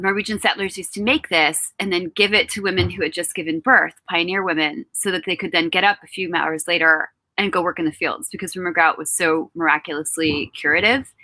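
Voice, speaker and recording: A woman co-hosting a casual book chat from an outdoor tent, telling lively, laughing family stories into a laptop mic. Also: on the low side, a little fast, dry recording, low-quality recording. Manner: bubbly, laughing, storytelling. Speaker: author co-hosting a book event.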